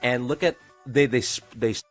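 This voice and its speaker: A man narrates a tier list in a voice he has pushed higher than his own. He stalls, restarts and repeats the same phrases, sitting at a middling pitch. Soft music plays faintly underneath. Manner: halting, repeats phrases and stumbles over words. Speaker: streamer. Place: pre-recorded video played on stream. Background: faint background music.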